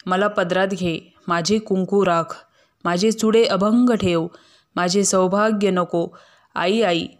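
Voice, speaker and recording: A woman's voice: medium pitch, natural voice. A woman reading the prayer of a devout, frightened young wife in a storybook tale, fervent and imploring.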